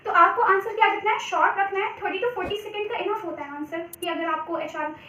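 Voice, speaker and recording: Speaking far from the mic in an echoey room, a young Indian vlogger with an extremely high, slightly bright voice shares advice for cabin crew interviews. She mixes Hindi with English, keeps things chatty, and repeatedly says "theek hai" to check in with her audience.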